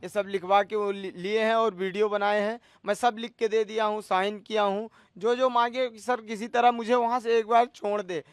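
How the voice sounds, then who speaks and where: A man's voice: high voice, little pitch movement, moderate pace, few pauses, clean tone, no echo, clean studio sound. A man in his thirties, a cook, pleading his case in a news interview and calling the interviewer sir again and again. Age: 30s. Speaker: cook alleging assault.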